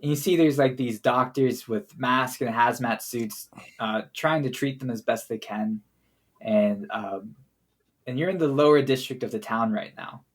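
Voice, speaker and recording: A man's voice: medium pitch, a little slow. A man narrating as game master of a tabletop role-play game, casually and with lots of fillers.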